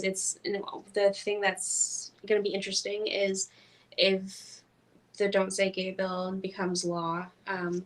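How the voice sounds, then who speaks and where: A woman co-hosting a casual livestream from home, talking in an earnest, measured, thoughtful way. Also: mid-range voice, low-quality recording. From lives in Florida. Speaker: channel co-host.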